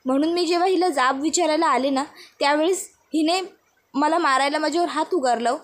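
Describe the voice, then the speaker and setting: A woman's voice: sits high, brisk, lightly acted. A woman voicing a scheming young woman who complains in a self-pitying way. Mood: complaining.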